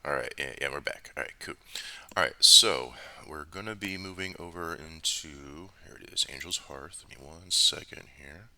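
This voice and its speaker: A man with a very deep voice and a bright, forceful edge runs a tabletop game as game master. He narrates outcomes casually and jokes with his players, often restarting his sentences. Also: normal speed. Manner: relaxed, joking, full of restarts.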